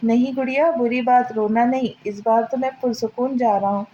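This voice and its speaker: Woman reading as a gentle protective brother. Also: very high voice, fairly even intonation, moderate pace, highs cut off, slight background noise. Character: protective elder brother, young man, gentle.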